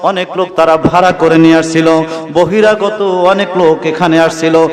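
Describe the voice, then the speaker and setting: A man's voice: a little high, flat delivery, normal speed. A male preacher, delivering a sing-song chanted sermon and calling on the crowd to respond. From Bangladesh. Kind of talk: chanted Bangla waz sermon. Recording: reverberant hall sound.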